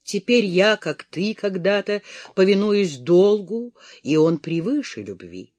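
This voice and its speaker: A torn young gentleman in an audiobook speaks low, muffled and restrained, voiced by its reader. His tender words carry held-back anguish, and his lines still rise and fall with feeling. The recording is dry and close. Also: animated, unhurried, dry recording. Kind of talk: audiobook character voice.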